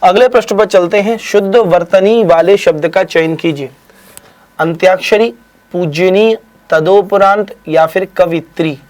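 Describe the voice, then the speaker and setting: High-voiced teacher drawing out spellings. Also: male voice, a little mellow. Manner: drawn-out slow spelling of words, brisk praise and teasing. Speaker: Hindi exam teacher. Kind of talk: live online quiz class.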